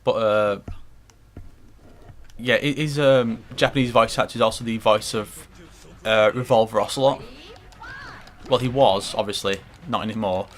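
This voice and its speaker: A man's voice: fairly low pitch, fairly even intonation, moderate pace, pauses often. Rambling, swearing young man over gameplay. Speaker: gaming commentator. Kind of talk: let's play commentary.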